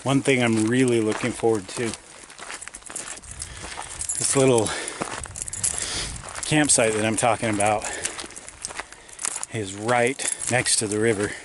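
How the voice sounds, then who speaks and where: A man's voice: lowish voice, fairly even intonation, takes it slowly, pauses often, background noise. A man chatting to the viewer as he hikes a mountain trail, a little out of breath, recorded on his camera outdoors. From Utah, USA. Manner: chatty, talks to the viewer while hiking. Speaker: outdoor vlogger. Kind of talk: casual hiking vlog.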